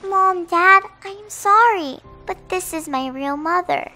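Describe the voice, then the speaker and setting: A woman voicing a sweet, earnest young mermaid girl in an animated game story. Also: extremely high pitch, takes it slowly, soft background music, heavily acted. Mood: earnest, pleading.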